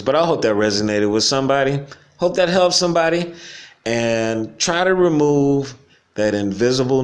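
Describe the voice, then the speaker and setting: Laid-back man musing aloud. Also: fairly low pitch. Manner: laid-back slangy talk, chuckling often, reflective. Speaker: vlogger. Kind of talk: casual stream-of-consciousness monologue. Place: home in the Caribbean.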